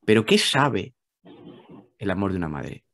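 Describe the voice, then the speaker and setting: A man with a Spain Spanish accent, a guest talking calmly about spiritual ideas, repeating phrases and asking rhetorical questions. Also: low voice, unhurried, gravelly. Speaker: guest speaker. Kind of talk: reflective spiritual talk.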